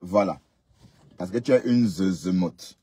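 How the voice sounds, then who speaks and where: Husky-voiced man hosting a live stream. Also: deep voice, measured pace, warm tone, no echo. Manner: chatty, scolding, addresses commenters directly. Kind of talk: casual live stream talk.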